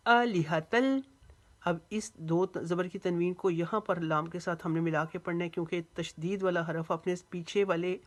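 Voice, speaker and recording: Slow-reciting woman with a low voice. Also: darkish tone. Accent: Urdu. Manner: slow, drawn-out recitation of each word, then brisk explanation. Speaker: Quran recitation teacher. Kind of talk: step-by-step recitation lesson.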